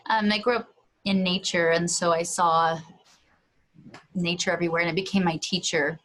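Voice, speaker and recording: A woman with a fairly low voice speaks earnestly as a guest, telling a story from her own life. She reflects at an unhurried pace and sometimes acts out dialogue with her child, lifting her voice for those lines. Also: steady tone, a bit bright, low-quality recording.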